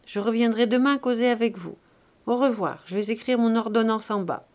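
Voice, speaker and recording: An older country doctor and former navy surgeon in an audiobook novel, blunt and weathered but gentle underneath. He reassures in a measured, patient way, as a woman reading aloud puts him on. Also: fairly high pitch, lightly acted. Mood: reassuring. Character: older male doctor, gruff but kindly.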